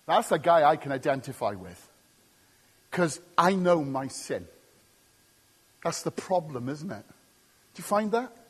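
Husky animated preacher in a reverberant church. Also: male voice, fairly high pitch, a little slow, pauses often. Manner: emphatic and repetitive, punchy short phrases; conversational asides to the congregation. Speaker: pastor. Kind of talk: sermon.

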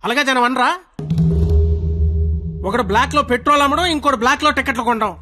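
A contemptuous middle-aged relative, high and cutting, faint score behind. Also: male voice, fairly quick, heavily acted. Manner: scolding, sarcastic, loud. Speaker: angry uncle berating a college. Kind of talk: film dialogue. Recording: film audio with music behind.

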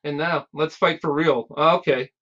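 A man's voice: a little high, steady tone, unhurried, a bit bright. A man chatting casually as he plays a video game. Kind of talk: casual gameplay chat. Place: indoor game room, filming a TV. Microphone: camera mic in the room. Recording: dull lo-fi room camera recording.

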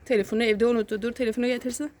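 A woman's voice: a little high, fairly even intonation, racing, darkish tone. A woman, a mother filming a casual family vlog, hurrying her children along and teasing them, in and around a car outdoors. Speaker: mother and family channel host. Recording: street noise clearly behind.

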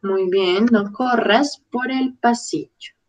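Lady teacher going slow through word lists, kinda high voice, very deliberate. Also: slight background noise, rough recording. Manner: careful, drilling word lists. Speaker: Spanish teacher. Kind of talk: slow grammar lesson.

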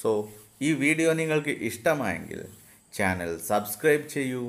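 A man reads a scripted travel voice-over. His delivery is steady and informative, like a guide explaining the way. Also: mid-range voice, moderate pace, vocal fry. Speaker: travel vlogger narrating.

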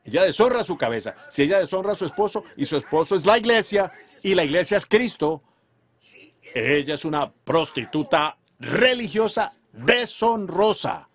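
A man preaches with fervor in a voice that sits a little high for a man. He draws out his emphatic phrases in a sermon delivered as a voice-over. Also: very animated, moderate pace.

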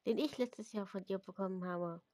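Woman doing a pushy excited teen girl friend, a bit higher, dry storybook read. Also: moderate pace, no echo, lightly acted. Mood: eager. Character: caring, eager teenage girl friend.

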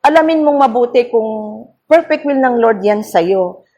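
A woman's voice: a little high, expressive, a little slow, dark tone, lo-fi sound. A middle-aged woman pastor giving a devotional sermon, telling a personal story earnestly and checking in with her listeners as she goes. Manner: earnest storytelling, mixing English phrases, frequent "no?" tags. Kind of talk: devotional sermon at a prayer meeting.

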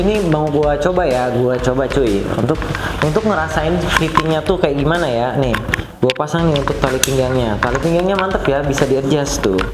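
A young man talks through a piece of gear in a casual, slangy, upbeat way. His lapel mic picks up a roomy studio echo, and background music plays clearly under him. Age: young adult. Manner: chatty, slangy, enthusiastic pitch. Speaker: product reviewer. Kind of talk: casual product review. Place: studio with plain blue backdrop.

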